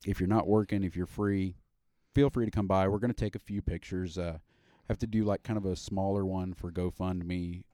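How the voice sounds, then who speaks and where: A man's voice: deep voice, steady tone, normal speed, hardly any pauses, warm tone, dry recording, studio quality. A man hosting a casual podcast, rambling with fillers and restarts. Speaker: podcast host.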